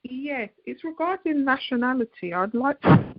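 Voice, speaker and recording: A woman calling in by phone on a weak, crackly line that fades in and out, asking halting questions. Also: sits high, expressive. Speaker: caller. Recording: muffled phone-line sound.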